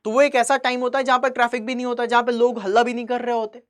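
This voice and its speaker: Young male coaching teacher, conversational motivational delivery, tag questions, climbs in pitch for emphasis. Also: flat delivery, racing, fairly bright tone, clear, resonant tone. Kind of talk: motivational study advice talk.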